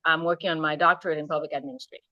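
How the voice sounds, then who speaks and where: A middle-aged woman from Haiti, answering interview questions earnestly and thoughtfully, often pausing to rephrase. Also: low voice, level tone, pushed and bright, no echo, lo-fi sound. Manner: earnest, thoughtful, with light laughs and restarts. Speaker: nonprofit founder and program director.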